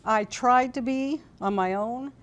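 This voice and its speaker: Her voice sits on the high side and she takes her time. She's an American-accented woman from California, in her sixties, appearing as an interview guest at a desk in an indoor TV studio with a lapel mic. She reminisces casually, with some hesitation.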